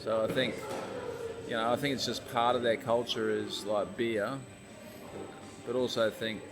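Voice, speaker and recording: A man's voice: medium pitch, little pitch movement, moderate pace, over music. A man with an Australian accent hosting a podcast, chatting casually in a laid-back, colloquial, rambling way. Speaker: podcast host.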